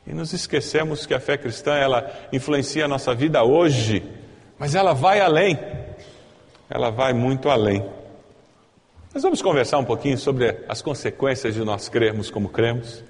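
A man's voice: mid-range voice, normal speed, in a large hall. A Brazilian man preaching a sermon as pastor, building to emphatic peaks and asking the congregation rhetorical questions. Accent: Brazilian Portuguese.

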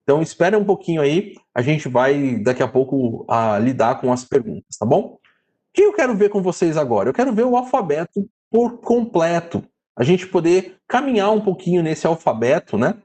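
A man's voice: a little high, very animated, normal speed, mellow. A man teaching Greek in an online class, patiently saying each letter name three times and often checking in with his students.

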